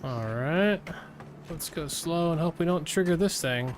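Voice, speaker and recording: A man's voice: a little high, expressive, measured pace, noisy background. A man streaming a video game live, reacting and thinking aloud as he plays. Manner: reactive, muttering thoughts aloud while playing. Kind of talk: live gameplay commentary.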